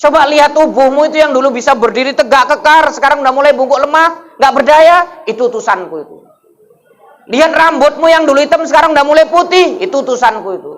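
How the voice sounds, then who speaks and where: A preacher voicing a calm, patient male angel of death. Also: very high voice, fast talker, voice pushed up. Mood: solemn.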